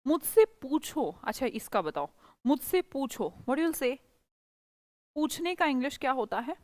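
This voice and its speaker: A woman's voice: sits high, very animated, a little slow, a little mellow, no room sound, clean studio sound. A woman teaching a spoken English class, coaxing students and quizzing them by repeating phrases.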